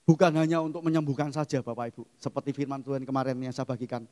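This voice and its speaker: A middle-aged male pastor preaching a sermon, emphatic and swinging from quiet asides to loud exclamations. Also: medium pitch, steady tone, fast. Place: church hall. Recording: long church hall reverb.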